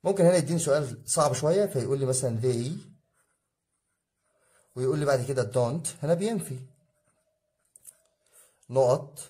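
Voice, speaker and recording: A man's voice: mid-range voice, a little fast, pauses often, mellow. A man with an Egyptian Arabic accent teaching an exam review lesson, asking his students questions and answering them himself. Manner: addresses students as guys, drilling rules. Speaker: English teacher.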